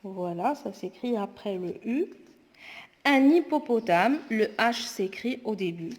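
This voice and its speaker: A woman teacher going through homework exercises aloud, slowly and deliberately spelling words out. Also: mid-range voice, expressive, darkish tone. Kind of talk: spoken homework correction lesson. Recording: long echoing reverb.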